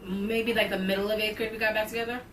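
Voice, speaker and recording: Talking fast at medium pitch, this young vlog co-host tells a storytime for her couple's channel, animated and casual, with "like" peppered throughout and rising excitement. The rough recording has a bit of hiss or hum.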